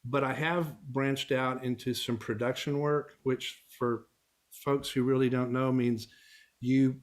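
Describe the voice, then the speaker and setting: A man's voice: medium pitch, flat delivery, a little slow. Easygoing middle-aged man telling stories. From Texas. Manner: easygoing storyteller, chuckles while talking. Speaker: guest, family law attorney and actor. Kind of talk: casual interview conversation.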